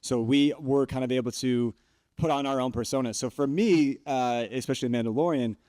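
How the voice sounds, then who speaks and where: A man speaks at a convention panel, spinning casual stories from set and slipping into quick acted-out versions of his own reactions. His voice sits at an ordinary middle pitch, and the sound is close and dry with no room around it. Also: no room sound. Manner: animated, acts out his own reactions in quotes. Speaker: panelist, costumed performer.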